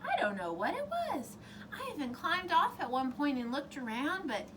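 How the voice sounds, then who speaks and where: A woman voicing a bedraggled young storybook princess who talks in a pleading, halting, over-polite way. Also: high-pitched, pitched above the performer's own voice. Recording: distant mic, clearly noisy room.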